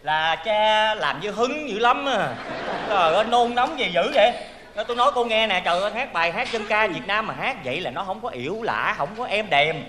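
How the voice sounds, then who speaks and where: A high, bright Southern Vietnamese man playing up a stage comedy sketch, all exclamations and teasing. His voice rings out in a large theater hall with a long reverb and a faint hiss underneath. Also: lively intonation, fast.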